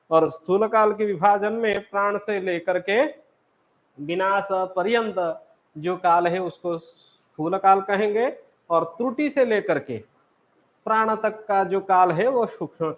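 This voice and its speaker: Guy teaching, asks his own questions then answers them, kinda slow. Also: high-pitched, highs cut off. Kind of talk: classroom lecture.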